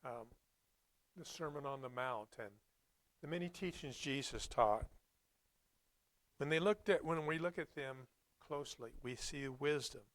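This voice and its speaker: A man's voice: mid-range voice, dry recording, poor audio. Dry-sounding man preaching a plainspoken sermon. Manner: plainspoken, reflective, halting delivery with pauses. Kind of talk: Sunday sermon with scripture reading and plain commentary.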